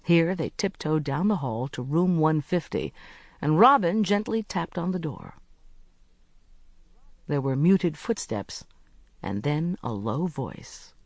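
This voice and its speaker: An audiobook narrator telling a mystery novel in an expressive, measured storytelling style. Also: medium pitch, no room sound.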